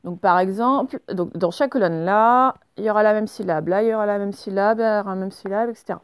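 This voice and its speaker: A woman gives a reading lesson to young children, saying words slowly and clearly and spelling out sounds. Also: mid-range voice, no echo. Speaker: teacher.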